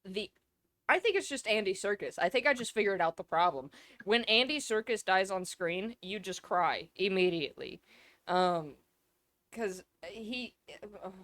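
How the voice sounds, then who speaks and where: A woman co-hosting a casual podcast, rambling and excitable, swearing freely. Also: mid-range voice, measured pace. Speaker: podcast co-host. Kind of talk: casual chat.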